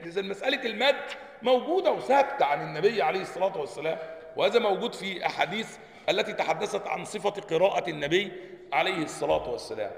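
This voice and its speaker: A man's voice: high voice, animated, fast talker, gravelly. A man with an Egyptian accent, a sheikh teaching a lesson on a book. He reads a passage aloud, explains it, and keeps asking his listeners questions before answering them himself. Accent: Egyptian Arabic. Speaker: sheikh teaching Quran sciences. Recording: echoey hall with long reverb.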